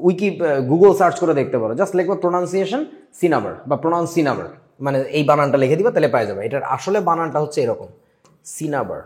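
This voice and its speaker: A young man leads an online chemistry class, and his voice sits a little higher than most men's. He is blunt and mocking, drops in English terms, and keeps firing questions at his students. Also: a little mellow. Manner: blunt, scolding, mixes English words, quizzes students. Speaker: chemistry teacher.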